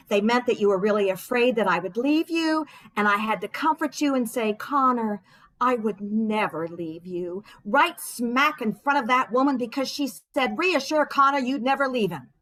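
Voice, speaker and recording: Woman doing a bitter wife ranting at her husband, sarcastic and exasperated, voice sits high and swings all over. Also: a bit bright, poor audio. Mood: resentful. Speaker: stage actor. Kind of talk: theatrical monologue.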